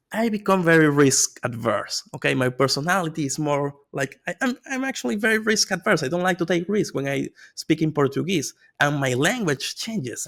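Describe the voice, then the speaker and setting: Energetic and conversational, this gravelly-voiced man is an AI consultant giving an informal online course lecture. His voice is mid-range; he's Venezuelan with Spanish as his first language, and he frequently tacks on "okay?" and "right?"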